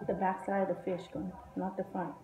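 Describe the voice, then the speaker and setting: Dishes clatter loudly around a middle-aged woman's voice in a roomy space. She speaks at a medium pitch, chatting casually with family over dinner. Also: flat delivery, a little fast, narrow, tinny audio. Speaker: mother at the family meal. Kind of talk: casual chat. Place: home dining room, indoors. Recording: roomy, very noisy with dish clatter. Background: clinking dishes and pots.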